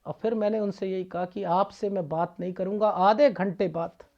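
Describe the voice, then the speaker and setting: A man's voice: sits high, steady tone, normal speed, darkish tone, dull audio. A man, a palmist, talking casually and bluntly to his viewers, lecturing and scolding them. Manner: blunt, straightforward talk.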